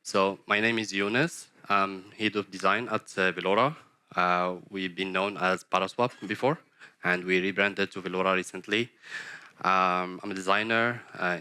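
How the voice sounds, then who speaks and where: A Moroccan man, head of design, hosts a workshop presentation in a conference workshop room, speaking with frequent hesitations and fillers. His voice sits low yet sounds pushed and bright, smooth, with no room sound.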